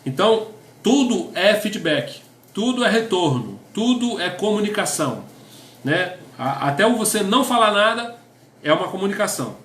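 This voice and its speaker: In a reverberant room with a little hiss or hum, a middle-aged Brazilian pastor speaks to couples in a high, fairly bright, very animated voice at a moderate pace. He has a Brazilian Portuguese accent, keeps the sermon conversational, and punctuates lines with "né?" while reading definitions.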